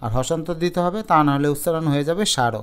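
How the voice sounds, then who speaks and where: A male teacher explaining pronunciation rules step by step in an exam-prep lesson, slowly sounding out syllables to his students. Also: fairly high pitch, clear, resonant tone.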